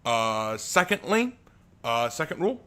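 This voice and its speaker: In a clean-toned, deep voice and a slightly slow pace, an author speaks casually to his stream audience, then reads aloud the prologue to his own fantasy work. He stays relaxed, with fillers and the occasional restart.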